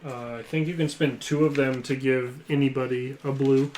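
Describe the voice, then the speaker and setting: Male tabletop player, average pitch, casual game chat, noisy background. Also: flat delivery, normal speed, a little mellow.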